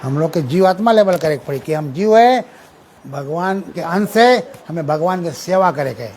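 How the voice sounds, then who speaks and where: Preaching on scripture, this man is animated and moves at a moderate pace, patiently explaining and reciting Sanskrit verses along the way. His voice is high, light, and a little mellow, and the rough recording carries a faint background hiss.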